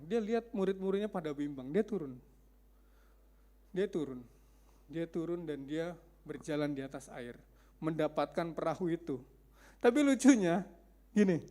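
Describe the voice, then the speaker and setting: A man's voice: high-pitched, darkish tone. A male preacher giving a conversational sermon, often putting questions to his congregation.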